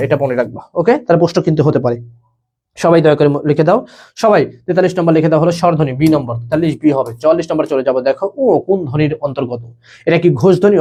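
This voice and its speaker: A man's voice: on the high side, warm tone. A young man teaching a live online admission class, quizzing students and repeating each question and answer. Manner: rapid, repetitive, quizzes students, keeps saying "okay bhaiya".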